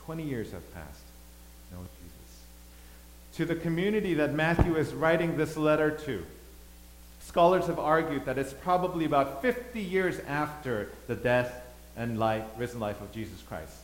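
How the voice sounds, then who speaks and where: Pastor, male, preaches a sermon with loud peaks and hushed lines, reverberant sanctuary. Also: on the high side, animated, moderate pace. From Thailand. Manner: dynamic, swings between loud emphasis and quiet asides. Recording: echoey hall, faint hum.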